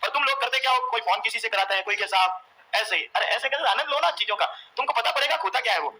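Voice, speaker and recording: A man teaching in a classroom with a very high, ringing voice. He dictates each point to be written down, says it over again for the note-takers and keeps firing questions at the class. The tone is sharp and bright throughout. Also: lively intonation, fast talker, rough recording. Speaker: exam coaching teacher. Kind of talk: classroom lecture, dictating notes.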